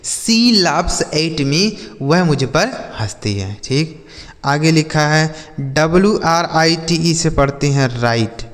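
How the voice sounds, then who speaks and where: A man teaching English vocabulary from Hindi, spelling each word letter by letter and slowly repeating every example sentence. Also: on the high side, animated, long reverb tail. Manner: asks the listener questions and answers them himself. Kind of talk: slow, drilled vocabulary lesson.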